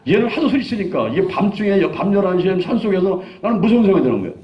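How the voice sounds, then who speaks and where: A pastor in his sixties shares a testimony during a sermon, animatedly acting out the dialogue of the people in his story. His voice sits high and he talks at a racing pace, in dull lo-fi sound.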